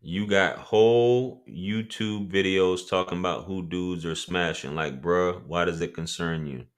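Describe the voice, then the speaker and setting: Hosting a laid-back livestream, a deep-voiced man takes his time as he reads chat comments aloud, swearing freely and tossing in laughing asides.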